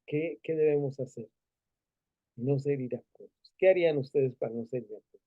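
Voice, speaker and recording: A man's voice: medium pitch, moderate pace, phone-quality sound. A man with a Mexican Spanish accent teaching a Bible class, asking the students questions and adding many fillers and tag questions.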